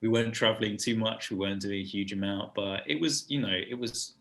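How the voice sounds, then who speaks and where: A British man, a podcast guest, telling stories in a casual and animated way. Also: on the low side, fairly quick, creaky. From United Kingdom. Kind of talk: casual storytelling chat.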